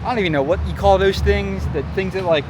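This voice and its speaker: A man's voice: high voice, fast. An American man hosting a vlog, chatting casually as he walks along outdoors. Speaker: vlog host. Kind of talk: casual walk-and-talk chat. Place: outdoors, walking by stadium lots. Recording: noisy outdoor recording with traffic ambience.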